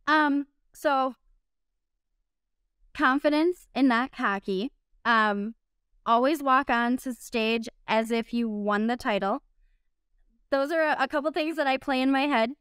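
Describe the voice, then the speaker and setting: A woman's voice: high voice, slow pace, long pauses, a bit bright, clear, resonant tone, dry recording, clean studio sound. A woman in her twenties answering interview questions over a video call, upbeat and chatty with frequent "um"s. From United States. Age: 20s. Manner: upbeat, laughs easily, frequent "um"s. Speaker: guest, bikini competitor. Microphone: video call from home.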